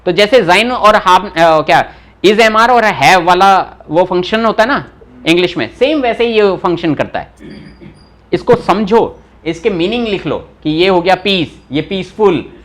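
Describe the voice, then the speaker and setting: A young male language teacher with a high, very lively voice that swoops up and down. He takes his time and explains each word patiently, calls on students by name, and scolds them lightly when they forget the rules. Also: a little slow. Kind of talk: live online class teaching.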